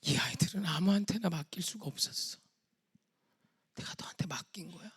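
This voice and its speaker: A man voicing God as a fatherly figure, speaking in a hushed whisper within a sermon. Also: high-pitched, a little fast, husky, heavily acted. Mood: tender.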